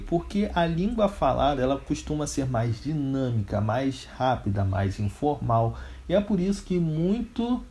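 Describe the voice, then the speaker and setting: A Brazilian man gives a grammar lesson, walking through each step. His pitch swings up and down all the time in an animated, lively way. He keeps asking questions and then answering them himself. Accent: Brazilian Portuguese. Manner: didactic, step by step. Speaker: English teacher.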